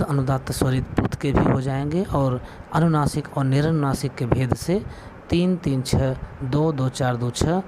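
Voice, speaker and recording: A man giving a spoken video lesson on Sanskrit, explaining patiently step by step and counting aloud. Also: medium pitch. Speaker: Sanskrit teacher. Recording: clear background noise with clicks.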